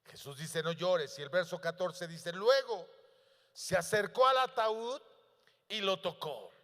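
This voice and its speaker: A man with a high, bright voice preaches a sermon in a church. He builds to loud, emphatic peaks and often asks the congregation questions. The sound carries a long reverb from the hall. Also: measured pace. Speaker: pastor.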